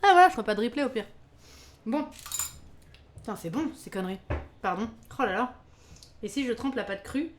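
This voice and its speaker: Her voice is on the high side, animated and brisk, yet broken by long pauses. She's a live-stream cooking host baking for her viewers, chatting casually, exclaiming over the results and laughing often.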